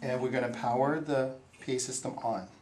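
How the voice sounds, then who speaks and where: An instructor for an equipment rental company gives a hands-on tutorial in a small indoor meeting room. His medium-pitched voice is fairly quick with fairly even intonation, and he explains plainly, step by step, picked up by a distant mic with roomy echo and background hiss.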